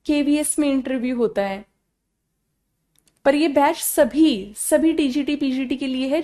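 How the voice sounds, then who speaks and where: Slow high-voiced woman teacher. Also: dark tone. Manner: explains slowly, mixing Hindi and English, asks students questions. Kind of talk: online exam-prep class.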